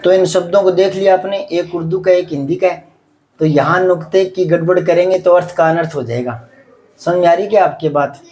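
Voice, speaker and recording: A man's voice: high voice, a little fast, darkish tone. Patient male grammar teacher. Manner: patient, explains with examples and repeated check-in questions. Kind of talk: classroom lesson.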